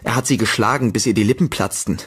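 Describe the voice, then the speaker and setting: A man's voice: on the low side, fast, breathy edge. A man voicing a hostile young man who speaks in cold, curt, menacing lines. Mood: cold menace.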